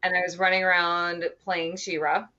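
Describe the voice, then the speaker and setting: A woman from Wisconsin in her thirties with an Upper Midwest accent, chatting as a guest in a casual interview, self-deprecating and quick to laugh. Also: lowish voice, little pitch movement, sharp tone, lo-fi sound. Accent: Upper Midwest American.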